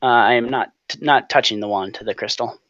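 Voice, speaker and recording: Male tabletop player, medium pitch, hesitant casual talk, dry, slightly dull microphone. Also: fairly quick, fairly bright tone, no room sound.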